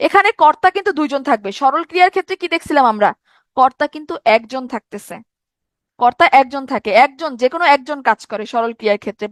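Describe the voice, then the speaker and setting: Female teacher, high voice, dry recording, explains grammar by repetition and questions. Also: fairly bright tone, dry recording. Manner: asks questions and answers them herself, repeats key points. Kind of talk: grammar lesson.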